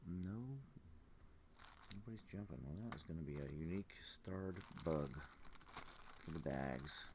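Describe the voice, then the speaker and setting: Groggy, low-voiced man chatting unhurriedly. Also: noisy background. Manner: unhurried, musing, trailing off mid-thought. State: groggy, just woke up. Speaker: live auction seller showing amber specimens. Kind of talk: casual livestream chat.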